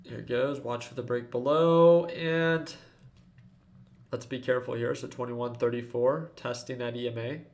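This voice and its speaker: This is a man in his twenties hosting a relaxed stock trading livestream from a desk at home, earnestly coaching viewers and reading the chat aloud. He has a mid-range voice with fairly even intonation and speaks at a moderate pace.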